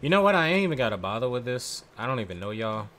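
A man's voice: mid-range voice, animated, quick pace, a bit bright. A man casually commenting on his game playthrough, offhand and joking, muttering to himself. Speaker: gamer.

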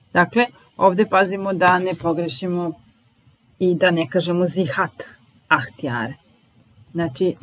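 Slow, careful woman teaching. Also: fairly low pitch, a bit bright, low-quality recording. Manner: slow, careful, repeats each phrase. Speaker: German teacher. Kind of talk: language lesson, explaining in Serbian.

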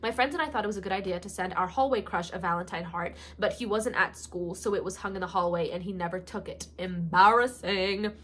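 Young female vlogger, medium pitch, gleefully gossipy and dramatic, casual slangy chat, reacts big to stories she reads aloud. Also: a little fast, few pauses, slight background noise. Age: young adult. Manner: animated, theatrical, gleefully gossipy; slangy, heavy use of "like". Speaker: vlogger reading followers' confessions. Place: small bedroom, indoors.

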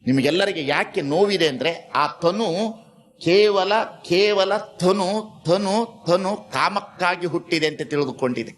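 A man giving a sermon as a spiritual teacher, dramatic and repetitive, swinging between soft and loud. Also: sits high, slow pace.

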